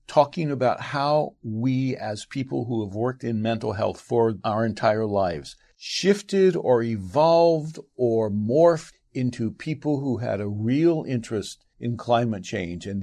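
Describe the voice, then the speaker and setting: A man hosting a radio-style interview series, introducing it in a measured, welcoming way. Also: medium pitch, animated, creaky, mellow. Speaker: host.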